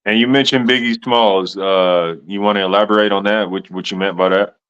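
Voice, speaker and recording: A man hosting an interview, asking questions in a relaxed, laid-back way. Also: lowish voice, a little fast, smooth. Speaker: podcast host. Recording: dull lo-fi sound.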